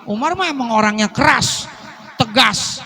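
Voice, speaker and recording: A man's voice: very high voice, animated, normal speed, pushed and bright, slight background noise. A man giving a humorous religious lecture to a congregation, telling stories with quoted voices and chuckles. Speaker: preacher. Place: mosque gathering.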